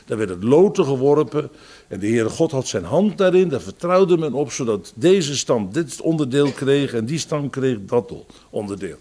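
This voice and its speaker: A man preaching a sermon, quoting psalms and scripture, with raised emphasis that falls to quiet phrases. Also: medium pitch, big pitch swings, normal speed.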